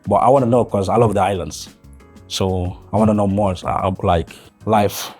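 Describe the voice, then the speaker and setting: A man hosting a podcast, chatting with his guest in an eager, friendly and relaxed way with casual slang. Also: on the low side, moderate pace, husky, soft background music. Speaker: podcast host. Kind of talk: casual interview chat.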